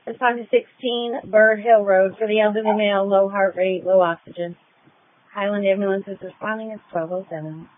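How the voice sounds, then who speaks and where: Woman emergency dispatcher, brisk radio call codes, narrow phone-like scanner sound. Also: mid-range voice, fairly even intonation. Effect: over a two-way radio. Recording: tinny radio scanner audio.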